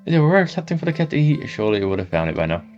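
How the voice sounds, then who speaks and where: A man reading a horror text game aloud as a gaming host, saying the sound effects out loud as he goes. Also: on the high side, big pitch swings, rapid-fire, lo-fi sound, faint music behind. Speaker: gaming YouTuber.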